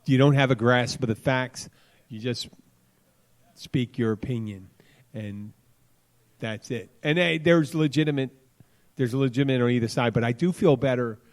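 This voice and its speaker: A man's voice: mid-range voice, normal speed, long pauses. A man hosting a podcast in casual chat, rambling through jokey, crude stories and tangents. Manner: rambling, joking, crude storytelling. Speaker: podcast host.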